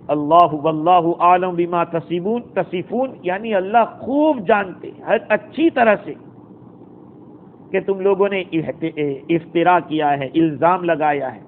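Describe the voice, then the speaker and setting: A man giving a Quran commentary lecture, quoting Arabic verses and explaining them in a storytelling way. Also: fairly high pitch. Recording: tinny phone-like recording with faint noise.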